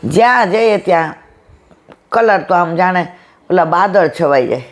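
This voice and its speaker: A woman's voice: on the low side, measured pace. A woman telling a devotional story at a satsang, acting out the dialogue as she goes. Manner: lively retelling, acts out the dialogue. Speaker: satsang speaker.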